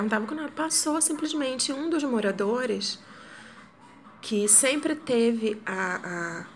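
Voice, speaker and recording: A woman's voice: mid-range voice, slight background noise. A woman, a widowed mother telling a personal story to her viewers in an earnest, filler-filled vlog style from her apartment. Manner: earnest, talks straight to viewers with many fillers.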